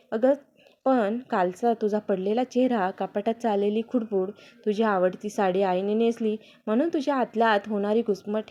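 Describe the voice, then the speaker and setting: A woman's voice: medium pitch, dark tone, natural voice. A woman doing a teasing loving young husband. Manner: teasing, affectionate.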